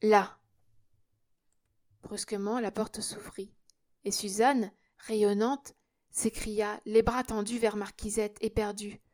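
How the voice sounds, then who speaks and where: Narratrice au débit lent. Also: female voice, medium pitch, little pitch movement, slow pace, darkish tone. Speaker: audiobook narrator. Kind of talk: reading a 19th-century novel aloud.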